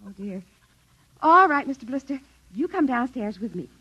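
An actress playing a gentle housewife and mother in 1950s radio acting, with a breathy voice. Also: high-pitched, very animated, moderate pace, full character voice. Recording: dull 1950s radio recording.

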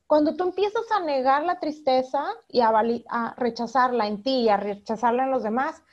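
A woman's voice: high-pitched, moderate pace, dull audio. A Mexican woman psychologist explaining emotions in an interview, acting out quoted speech as she talks. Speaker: psychologist guest. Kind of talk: interview answers.

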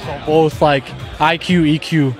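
Outdoors on an event patio, a young man acting as street interviewer and host asks short, casual questions into a handheld mic. His voice is on the high side, level in tone and a little slow, with soft music and some chatter in the background.

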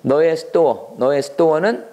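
A man teaching English vocabulary in Korean, with a Korean accent, repeating words in drawn-out sing-song drills. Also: on the high side, dark tone. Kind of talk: lively classroom-style vocabulary lecture.

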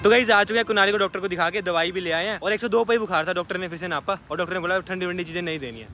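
A man's voice: sits high, very fast, bright, forceful tone, slight background noise. A young man filming a casual home vlog, patiently coaxing and explaining things to a sick child. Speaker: vlogger. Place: family home.

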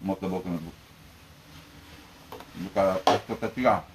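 A man's voice: low voice, unhurried, a little hiss or hum, poor audio. A talkative middle-aged man, the manager of a bento shop, telling stories in casual chat. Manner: talkative, lively storytelling.

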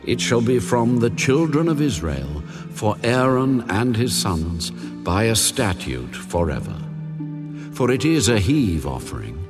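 An actor playing God as a solemn, commanding male deity, giving sacred instructions deliberately in a dramatized audio Bible. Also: fairly low pitch, sing-song. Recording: long reverb over background music. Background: music.

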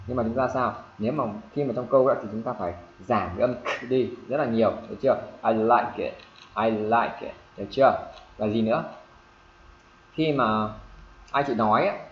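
A man teaching English pronunciation to a class, repeating examples and checking often whether students follow. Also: brisk. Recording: echoey room, dull low-fi sound, faint hiss.

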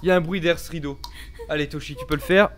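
A man's voice: on the high side, rapid-fire. A young man commentating a horror game in a panicky, jumpy, sweary manner, close to a desk microphone. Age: young adult. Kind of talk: excited gameplay commentary. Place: small home gaming room, indoors. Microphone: close desk microphone, headset on.

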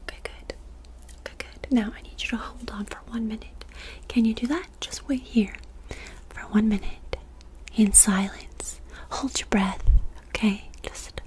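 Young woman's fast, insistent ASMR whispered role-play. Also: on the high side, darkish tone, poor audio. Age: young adult. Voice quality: breathy whisper. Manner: fast, insistent ASMR with rapid word repetition; commanding, directing the listener to focus. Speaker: ASMR performer playing a reiki healer. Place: small dark room indoors. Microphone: close desk microphone.

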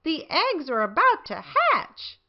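Woman putting on high, lilting old Granny Pig. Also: wildly swooping pitch, slow, highs cut off, heavily acted. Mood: reassuring. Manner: bright-spirited, instructive to children. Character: kindly old female Granny Pig, storybook pig.

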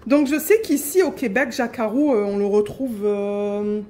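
A woman chatting excitedly on her home craft vlog, filling pauses with fillers and breaking into squeals. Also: medium pitch. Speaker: diamond painting vlogger.

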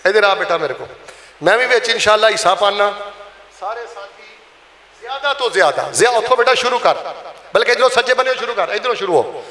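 Punjabi man, high bright preaching voice, Friday sermon, reverberant mosque hall. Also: animated, fast, long pauses. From Pakistan. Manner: impassioned, calls on the crowd to answer aloud.

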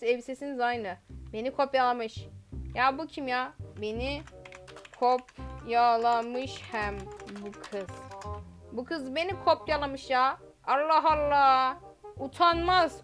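Young woman gamer, high bright voice, chatty commentary over faint music. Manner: chatty, exclamatory, reads typed chat aloud. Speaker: gaming channel host. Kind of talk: game commentary while reading chat aloud.

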